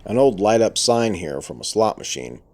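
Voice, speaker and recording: A man's voice: fairly low pitch, big pitch swings, moderate pace, a little mellow. A man narrating an exploration in a casual, dry way, his voice muffled by a respirator with audible breathing. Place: inside a burned abandoned hotel.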